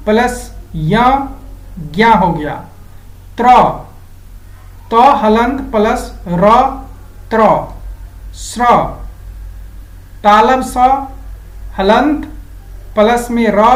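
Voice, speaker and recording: A woman's voice: on the high side, echoey room, low-quality recording. A woman teaching an exam-prep grammar lesson, going step by step and repeating the key items.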